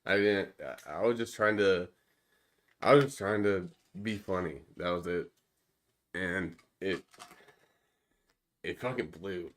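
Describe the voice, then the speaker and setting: A man's voice: sits low, steady tone, measured pace, pauses often, fairly bright tone. A man co-hosting a podcast, talking in a rambling, profane way with many restarts and fillers. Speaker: podcast co-host. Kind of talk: casual chat.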